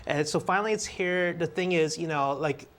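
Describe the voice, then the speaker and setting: A man's voice: a little high, moderate pace, a bit bright. A man co-hosting a games podcast, chatting eagerly and reminiscing about old games. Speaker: podcast co-host. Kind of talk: casual chat.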